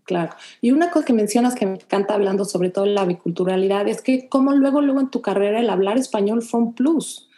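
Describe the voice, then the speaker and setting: A woman's voice: mid-range voice, fast talker, hardly any pauses, dark tone. Enthusiastic woman hosting a podcast. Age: adult mother. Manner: friendly, enthusiastic questions. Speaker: podcast host. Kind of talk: casual interview.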